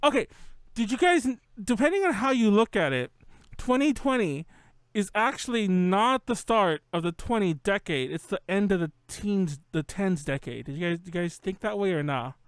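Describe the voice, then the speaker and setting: Animated, smooth-voiced man hosting a chat. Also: high voice, normal speed, no room sound. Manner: rambling, self-correcting. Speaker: podcast host. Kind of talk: casual chat.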